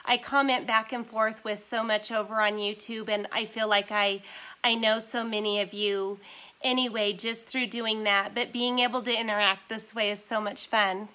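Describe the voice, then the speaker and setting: A woman's voice: medium pitch, fairly even intonation, moderate pace, pushed and bright. A woman in her forties hosting her first live stream from home on a phone, chatting casually, reading comments and apologizing for her nasal, sniffly voice and her ums. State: stuffy, nasal from a sinus cold. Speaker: vintage shop owner hosting a live stream.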